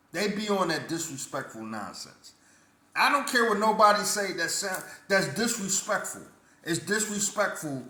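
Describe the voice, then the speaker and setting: A man's voice: a little high, bright, forceful tone. A man vlogging his blunt, indignant opinion in casual speech full of stammered restarts. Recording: roomy echo.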